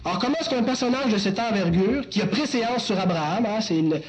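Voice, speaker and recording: A man's voice: high voice, fairly quick, background noise. A man preaching an expository sermon, teacherly with joking asides to the congregation. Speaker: pastor.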